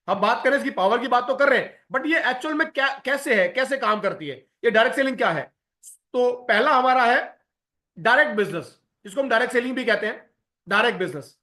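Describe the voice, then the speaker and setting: A man presenting a business seminar, explaining terms step by step with frequent filler pauses and English phrases mixed in. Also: very high voice, pushed and bright.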